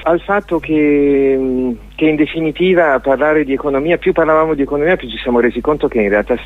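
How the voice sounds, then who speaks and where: Fast-talking and on the high side, this man is a theatre and dance artist being interviewed on radio. He wanders through an explanation of a show, hunting for the right words. The recording is dry and sounds thin and tinny, like a phone line.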